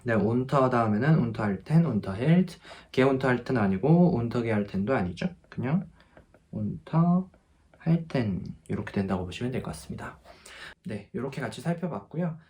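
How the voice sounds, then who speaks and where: A patient male teacher with a mid-range, expressive, slightly mellow voice runs an online grammar lesson. He explains things calmly and drills verb forms by repeating them slowly.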